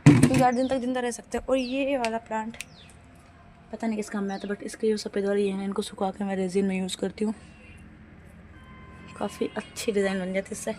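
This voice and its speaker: A woman's voice: medium pitch, little pitch movement, fairly quick, pauses often, music in the background. A young woman talking casually to her vlog audience while doing chores at home, narrating each step and laughing at herself. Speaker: vlogger. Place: home rooftop and garden area.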